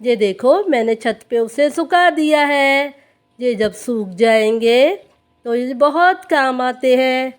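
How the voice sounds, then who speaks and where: A woman's voice: sits high, animated, takes it slowly. A woman doing a busy village girl doll. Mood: explaining. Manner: busy, reassuring. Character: cheerful hardworking young village girl doll.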